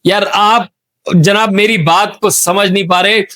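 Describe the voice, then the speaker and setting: A man's voice: high-pitched, steady tone, unhurried, bright, forceful tone. A man hosting a comedy interview, exasperated as he keeps repeating his questions. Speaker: host.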